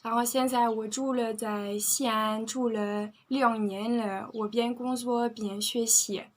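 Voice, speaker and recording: A young French woman with a Bordeaux French accent, teaching vocabulary and repeating each word slowly and carefully. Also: fairly high pitch, steady tone. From France. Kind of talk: online vocabulary lesson.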